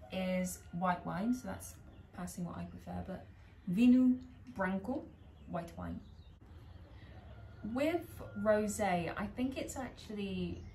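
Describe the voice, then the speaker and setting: Her voice is on the low side and a little mellow, with slight background noise behind it. She's a British vlogger from England, talking casually in her home garden and giggling at her own attempts at foreign phrases.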